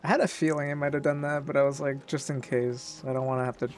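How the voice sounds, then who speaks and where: A woman's voice: extremely low pitch, fairly even intonation, fast, darkish tone. A woman giving casual, chatty video game commentary, playful and thinking aloud.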